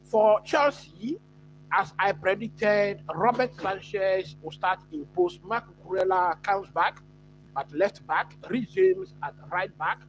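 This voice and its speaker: A man from Ghana hosting a live football watch-along, chatting casually and answering viewers with many pauses and fillers. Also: high voice, a little hiss or hum, rough recording. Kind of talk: live stream football chat.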